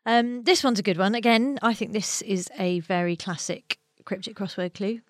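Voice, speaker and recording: British lady co-hosting a quiz podcast, chatty and excitable, dead dry studio mic. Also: mid-range voice, dry recording. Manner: chatty, enthusiastic, quick asides. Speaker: podcast co-host. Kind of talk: casual chat.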